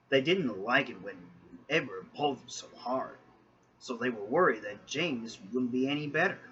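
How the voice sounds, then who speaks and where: A man narrating a children's train story in an expressive storytelling manner. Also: mid-range voice, muffled recording.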